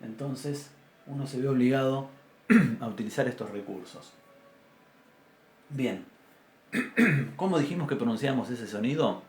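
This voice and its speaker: A man teaching a Biblical Hebrew class with an Argentine Spanish accent, explaining patiently and sounding out letters aloud, often clearing his throat. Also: mid-range voice, lively intonation, measured pace, long pauses, reverberant. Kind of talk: university class lecture. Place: classroom with a blackboard.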